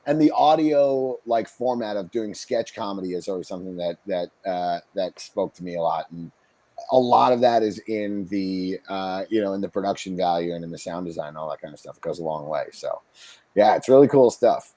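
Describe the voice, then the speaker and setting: A man's voice: sits low, moderate pace, mellow, no room sound, rough recording. A man chatting casually as a guest, with an informal, effusive, slangy way of talking. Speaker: guest performer. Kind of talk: casual chat.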